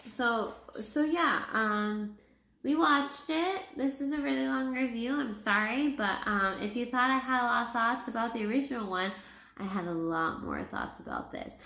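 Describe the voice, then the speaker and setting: A woman's voice: on the high side, big pitch swings, moderate pace, creaky, bright, forceful tone, a little hiss or hum. A woman giving a casual film review in a tipsy, rambling way, repeating herself as she goes. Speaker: movie reviewer. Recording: echoey room.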